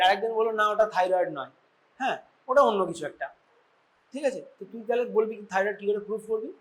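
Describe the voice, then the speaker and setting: A man with a Bengali accent teaches a classroom of medical students in a relaxed, conversational way. He keeps asking questions and checks in with a quick "okay?" as he goes, mixing English terms into his talk. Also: high voice. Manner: informal, quizzing students, frequent "okay?" check-ins. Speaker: surgery lecturer.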